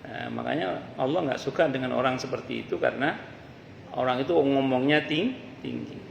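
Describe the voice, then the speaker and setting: A man's voice: medium pitch, fairly quick, vocal fry, lo-fi sound, slight background noise. A man giving a conversational religious study lecture in a mosque, mixing folk sayings with asides. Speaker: ustadz teaching a mosque study circle. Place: mosque hall. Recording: echoey mosque hall with faint ambience.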